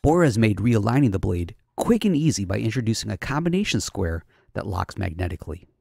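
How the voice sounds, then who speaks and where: A man reading a scripted tool advertisement in a measured, steady way. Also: on the low side, creaky, background noise. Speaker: product ad voice-over. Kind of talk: scripted ad narration.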